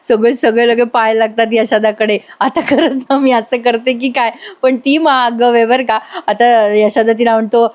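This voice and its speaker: A woman's voice: fairly high pitch, steady tone, normal speed, hardly any pauses, a little mellow. A woman narrating a voice-over recap of a TV serial, chatty and giggly, acting out each character's lines.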